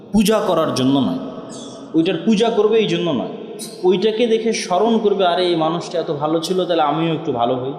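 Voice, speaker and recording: Bangladeshi Bengali male preacher, voice sitting a bit high, dramatic sermon storytelling with recited verses, recorded in a reverberant hall. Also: a little mellow. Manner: storytelling with rising and falling emphasis, recites Quranic verses. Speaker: Islamic preacher. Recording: echoey hall, long reverb.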